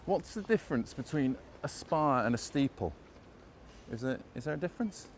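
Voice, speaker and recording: A man in his forties guiding a casual walking tour outdoors on city streets, playful and quick to laugh. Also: medium pitch, animated, a little hiss or hum.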